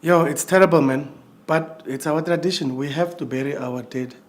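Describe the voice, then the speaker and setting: A man's voice: fairly high pitch, normal speed, a little hiss or hum, lightly acted. A man as a weary bereaved nephew. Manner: weary, exasperated, sighing. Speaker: bereaved nephew hosting mourners.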